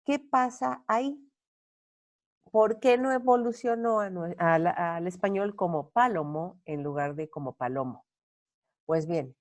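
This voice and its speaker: A woman's voice: on the low side, dark tone. Woman teaching an online lecture, Mexican accent. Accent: Mexican Spanish. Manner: explanatory, asks the viewers questions and then answers them; thinks aloud, with fillers and self-corrections. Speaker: university lecturer.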